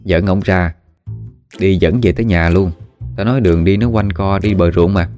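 With faint music behind him, a man with a deep, darkish voice and a Mekong Delta Southern Vietnamese accent speaks at normal speed. He tells a village story in a folksy, rambling manner, full of filler sounds, especially frequent "à".

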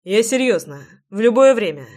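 A woman reading an audiobook voices a brash, teasing adult male lover, speaking low and insistently. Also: sing-song, moderate pace, darkish tone.

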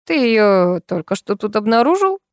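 A woman voicing a calm, sarcastic man who drawls his teasing remarks in a storybook. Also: mid-range voice, moderate pace, dry recording, studio quality, voice pushed up, lightly acted. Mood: mocking. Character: calm mocking man, sly and unflappable.

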